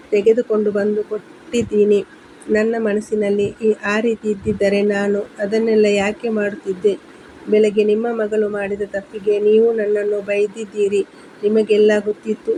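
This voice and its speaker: A woman's voice: medium pitch, warm tone, a little hiss or hum, lightly acted, poor audio. A woman voicing an angry young wife who argues back firmly against her mother-in-law. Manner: firm, indignant arguing.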